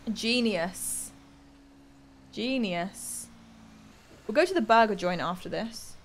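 A young woman from England, speaking slowly in a mid-range voice, chats and thinks aloud while streaming a video game. She uses a close desk mic in a small room at home, the casual live commentary carrying a little hiss or hum.

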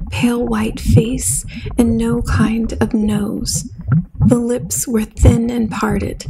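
A woman narrating a horror story soft-spoken and whispered, as whispered role-play. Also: a little high, creaky, husky.

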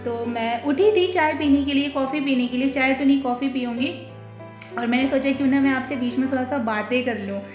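A woman's voice: high-pitched, brisk, muffled recording. A young woman chatting casually to her viewers from home, with fillers and small laughs. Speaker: vlogger. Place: home, quiet flat in the kitchen. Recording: echoey room with faint music.

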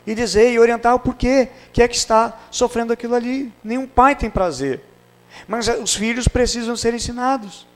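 A man's voice: very high voice, normal speed. Storytelling pastor, man. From Brazil. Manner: storytelling with acted dialogue, swings from loud to hushed. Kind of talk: sermon.

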